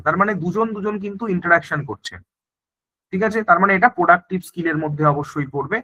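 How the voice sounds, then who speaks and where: A male teacher gives an online exam-prep lecture at a brisk clip. His voice sits high and bright. He keeps checking in with the class as he explains. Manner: explains in mixed Bengali and English, repeats "thik ache" often.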